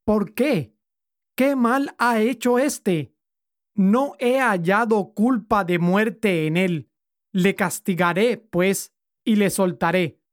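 A woman's voice: mid-range voice, no room sound, clean studio sound, lightly acted. Woman reading as a stern Roman governor. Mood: insistent. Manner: measured formal reading.

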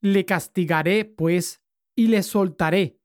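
A woman reading the lines of a stern male Roman governor in a measured, formal way. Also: lowish voice, a little mellow, no echo, clean studio sound.

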